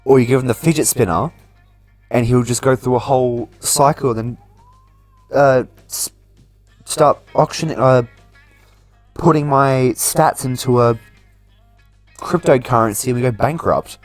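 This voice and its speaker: A gaming video host with a mid-range voice reads the on-screen story aloud and adds his own remarks, speaking a little slowly and pausing often. His dry voice, with no room sound, sits over faint game music.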